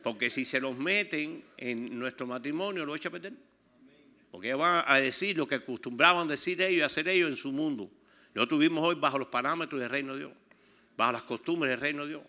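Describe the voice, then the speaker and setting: Gravelly older Cuban preacher. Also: male voice, on the high side, a little fast. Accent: Cuban Spanish. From Cuba. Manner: animated storytelling, acts out quoted people. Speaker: preacher giving testimony. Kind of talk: sermon testimony.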